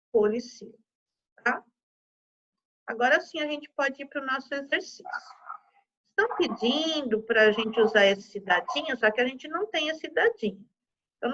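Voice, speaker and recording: Brazilian woman, primary teacher, patient and slow syllable drills, somewhat high voice, lo-fi audio. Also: fairly bright tone. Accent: Brazilian Portuguese. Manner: slow, exaggerated syllable-by-syllable pronunciation with frequent "tá?". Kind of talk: primary school lesson video. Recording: slightly dull lo-fi recording.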